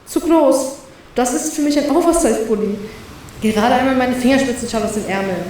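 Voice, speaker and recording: A woman voicing a self-conscious young woman thinking to herself in a soft, murmured inner voice with an echo effect. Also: fairly high pitch, fairly quick, voice pushed up. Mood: musing. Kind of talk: storybook reading. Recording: heavy echo with faint hiss.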